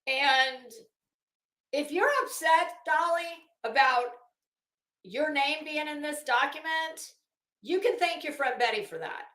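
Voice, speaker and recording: A woman livestreaming reads in a high, sharp-toned voice at a slow pace, leaning theatrical and sarcastic and adding unscripted commentary. The recording sounds roomy and echoey.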